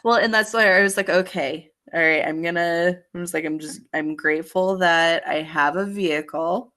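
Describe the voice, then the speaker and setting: A woman in her thirties, a podcast guest, chatting upbeat and rambling, her voice going hoarse. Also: fairly low pitch, normal speed, sharp tone. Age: 30s. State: hoarse, voice failing. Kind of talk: casual chat.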